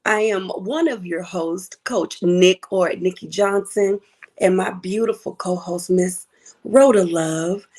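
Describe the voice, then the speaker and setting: A middle-aged woman hosting a live podcast as a life coach, upbeat and playful with slang. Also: on the low side.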